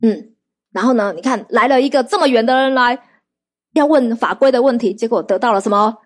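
A woman preaching a sermon, telling lively testimony stories and throwing rhetorical questions at her listeners. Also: fairly high pitch, a little fast.

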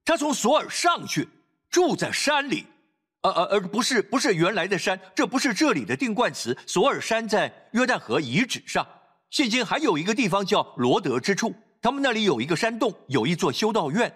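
Husky, lively-voiced male preacher. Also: brisk. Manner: preaching with sharp swings between loud exhortation and low quiet asides. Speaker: pastor. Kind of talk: sermon.

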